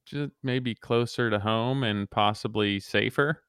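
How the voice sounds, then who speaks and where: A male podcast co-host talking in a measured, thoughtful, easygoing way. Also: fairly low pitch, a bit bright, clean tone, no room sound, clean studio sound. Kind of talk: casual podcast conversation.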